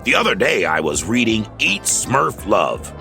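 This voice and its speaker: A man's voice: fairly low pitch, wildly swooping pitch, unhurried, creaky, pushed and bright, soft background music, exaggerated voice. A man voicing a grumpy little male smurf with a sappy, pleading streak in a storybook. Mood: earnest confiding. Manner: melodramatic, pleading.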